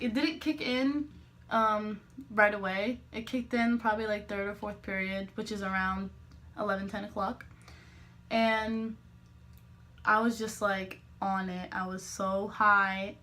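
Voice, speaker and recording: A woman's voice: medium pitch, a bit bright. A teenage girl chats her way through a storytime vlog, rambling and correcting herself as she goes. She fills gaps with "like" and "um" and laughs between remarks. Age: teens. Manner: rambling, filler-heavy, self-correcting. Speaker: vlogger.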